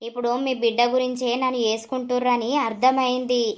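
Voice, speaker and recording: A woman with a Telangana accent voicing a shy, affectionate young village bride in an animated story. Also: on the high side, quick pace, lightly acted. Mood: eager. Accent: Telangana Telugu.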